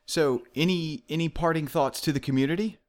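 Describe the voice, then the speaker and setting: A man's voice: a little high, a little fast. A man interviewing a competitive player in casual chat, joking and self-deprecating.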